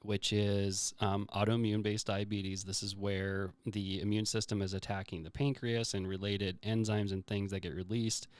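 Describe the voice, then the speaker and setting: A man with a fairly low, smooth voice talks casually to listeners about health, circling back and restarting his sentences as he goes. The sound is close and dry, with no room around it. He keeps a loose, conversational host's manner throughout. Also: little pitch movement, moderate pace, few pauses, no room sound. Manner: rambling, many fillers and restarts. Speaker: show host. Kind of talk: casual health talk monologue.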